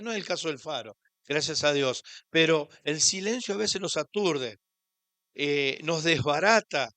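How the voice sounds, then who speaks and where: A high-voiced man with an Argentine Spanish accent, preaching in church as a pastor. His delivery is impassioned and climbs on each rhetorical question. The sound is dry and close, with little room echo. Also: sharp tone. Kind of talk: sermon.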